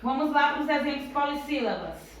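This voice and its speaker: A woman with a high voice teaches young children and explains each step patiently. She keeps asking questions and answering them herself, and she spells out counts slowly. Her voice comes from some distance in a very echoey room, with faint noise underneath. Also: lively intonation, fairly bright tone. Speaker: primary school teacher. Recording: very echoey room, voice far from the mic.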